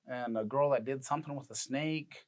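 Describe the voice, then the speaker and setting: A man's voice: mid-range voice, normal speed. A man in his thirties co-hosting a casual podcast, rambling and laughing often. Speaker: podcast co-host. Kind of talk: casual chat.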